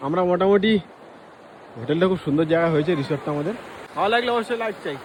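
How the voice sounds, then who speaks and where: High-voiced excited male travel vlogger. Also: racing, a little hiss or hum. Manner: chatty and excited, talking to viewers. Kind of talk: casual travel vlog narration. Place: outdoors by a mountain river.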